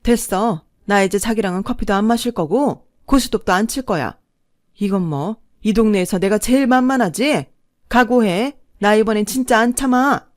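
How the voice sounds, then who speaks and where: A woman's voice: mid-range voice, moderate pace, no echo, clean studio sound, close to an everyday voice. A woman voicing an indignant gossipy neighbor lady. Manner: scolding, indignant. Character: angry gossipy middle-aged neighbor woman.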